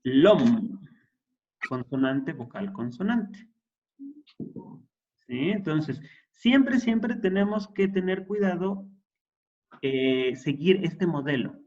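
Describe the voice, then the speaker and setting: A man's voice: fairly high pitch, expressive, takes it slowly, pauses often, a little mellow, lo-fi sound. A man teaching an introductory Hebrew class, explaining patiently and checking in with his students. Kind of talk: classroom lesson.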